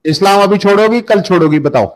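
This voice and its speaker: A man hosting a heated online debate stream, badgering and insulting his opponent. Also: sits high.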